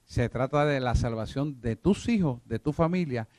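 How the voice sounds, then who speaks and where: A man's voice: mid-range voice, expressive, moderate pace, a little mellow, dry recording. A man teaching a church discipleship class, emphatic and repetitive, often asking if his listeners follow him. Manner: emphatic, repeats himself, asks listeners if they follow.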